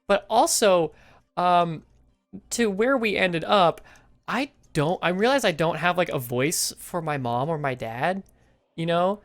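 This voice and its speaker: A man's voice: high voice, lively intonation, measured pace, fairly bright tone. A man from Canada co-hosting a podcast in casual chat, talkative and laughing often, with lots of "you know"s. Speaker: podcast co-host.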